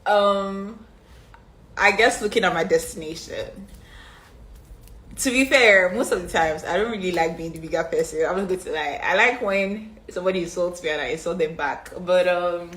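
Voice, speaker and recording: A reality show contestant in her twenties with a Nigerian accent does a casual live-stream Q&A, reading fan questions aloud and answering in a relaxed, rambling, chatty way with many ums. Her voice is on the low side at normal speed, picked up by a phone on the live stream.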